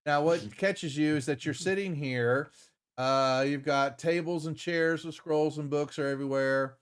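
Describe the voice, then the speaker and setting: A man's voice: a little high, clear, resonant tone. A man running a tabletop game as game master on an online call, narrating off the cuff in casual, piecemeal phrases. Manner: halting, piecemeal delivery. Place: online group video call.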